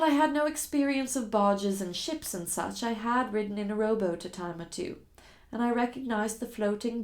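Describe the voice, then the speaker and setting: A woman's voice: mid-range voice, a little mellow. A woman narrating a novel in the first person, reading with dramatic tension. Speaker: reader of a novel.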